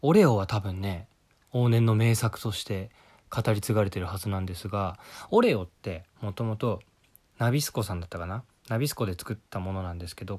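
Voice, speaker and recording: A man hosts his own solo talk show from home, his voice sitting slightly low. He talks quickly, mixing polite formal phrases with puns and playful asides. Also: a little mellow, breathy edge. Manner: jokey, punning, with polite set phrases. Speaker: podcast host. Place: at home, right after a bath.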